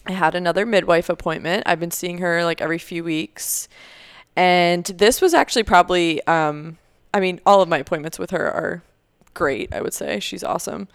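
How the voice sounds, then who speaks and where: A woman's voice: fairly low pitch, moderate pace, smooth, no room sound, clean studio sound. A young woman co-hosting a podcast, chatting casually with lots of fillers and easy laughter. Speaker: podcast co-host. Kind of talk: casual chat.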